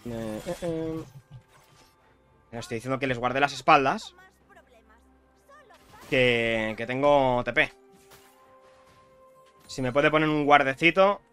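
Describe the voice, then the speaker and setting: A young man from Spain with a Spanish accent, chatting excitedly to viewers while commentating his own gameplay. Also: mid-range voice, unhurried, long pauses, clear, resonant tone, faint music behind. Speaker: streamer playing a video game.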